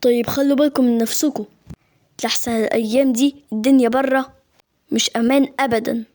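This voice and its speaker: A woman's voice: a little high, fairly even intonation, quick pace, a little mellow, voice pushed down, close to an everyday voice. A woman with an Egyptian accent voicing a kind adult male doctor in a spoken story. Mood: matter-of-fact.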